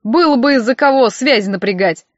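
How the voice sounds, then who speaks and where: A woman's voice: a little high, lively intonation, dry recording, natural voice. A woman voicing a sly, pushy wealthy old man who drags out his words and turns snappish, on a dull, dry recording. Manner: drawn-out wheedling, turning snappish.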